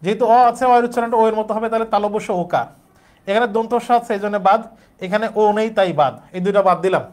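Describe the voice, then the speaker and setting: A young man teaches an exam-prep grammar lesson in a high-pitched voice. He works through each point step by step and says the example words aloud again and again. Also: quick pace, a little mellow.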